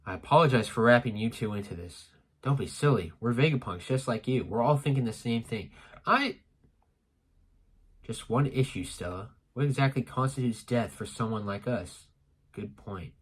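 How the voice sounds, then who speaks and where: A man reading a comic aloud for a casual reaction stream, in a steady, plain delivery. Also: mid-range voice, normal speed, breathy edge.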